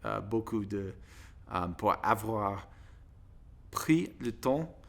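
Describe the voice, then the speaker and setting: A man from the United States with an American accent, a native English speaker, talking casually as a learner in halting, broken French with searching pauses and grammar slips. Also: on the low side, animated, vocal fry, fairly bright tone. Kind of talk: casual monologue to camera in a second language.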